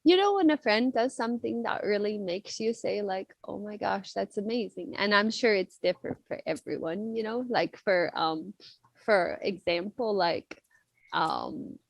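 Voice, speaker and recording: A woman's voice: mid-range voice, measured pace, gravelly, no room sound. A young woman chatting as a guest on a podcast, rambling and playful, with lots of fillers and little acted voices. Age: young adult. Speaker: podcast guest, club member. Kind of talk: casual podcast chat.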